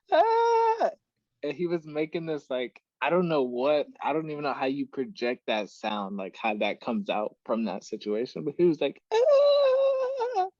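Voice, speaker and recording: A man's voice: mid-range voice, no echo, highs cut off. A young man hosting a podcast, telling stories in casual chat and acting out what others said. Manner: animated storyteller who acts out quoted shouts and laughs mid-story. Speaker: podcast host.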